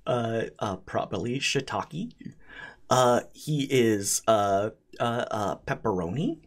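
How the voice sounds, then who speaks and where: A man working as game master, narrating an improvised tabletop game in a halting way, repeating words as he goes. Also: mid-range voice.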